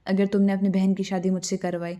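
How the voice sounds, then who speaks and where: A woman's voice: mid-range voice, level tone, mellow, close to an everyday voice. Woman telling a story as an earnest lovesick king. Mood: earnest, pleading. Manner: pleading, earnest.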